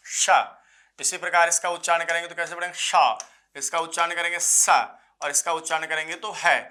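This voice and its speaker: A male Sanskrit teacher delivers a grammar lecture for exam preparation in a bright, rather high voice. He repeats phrases slowly, poses questions and answers them himself, and addresses his students as "sir" while tossing in homely, folksy jokes.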